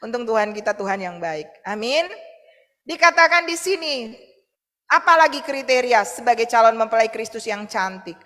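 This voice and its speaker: A woman pastor preaching a sermon in an animated way, acting out the voices she quotes. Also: a little high, moderate pace, long reverb tail. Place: church hall.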